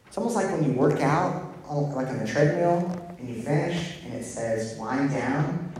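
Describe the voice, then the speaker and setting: Guy pastor preaching, kinda high voice, big echoey room w faint hiss behind. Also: animated, normal speed, darkish tone. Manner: conversational teaching with rhetorical questions. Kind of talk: sermon. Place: church sanctuary.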